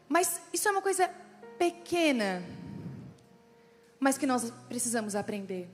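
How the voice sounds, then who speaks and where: A woman with a Brazilian Portuguese accent preaching to a women's church audience, chatty and animated, speaking straight to the crowd. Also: sits high, in a large hall. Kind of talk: lively church talk to women.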